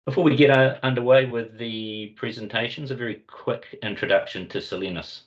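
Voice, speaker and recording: A man with a New Zealand Kiwi accent hosting a webinar, giving a formal, measured corporate introduction. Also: medium pitch. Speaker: webinar host and company commercial lead. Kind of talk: semi-scripted corporate presentation introduction. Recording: dull, lo-fi online meeting audio.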